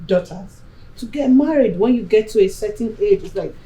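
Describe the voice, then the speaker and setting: A woman's voice: medium pitch, expressive, moderate pace, dark tone, low-quality recording. Woman hosting a panel discussion. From Africa. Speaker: discussion host.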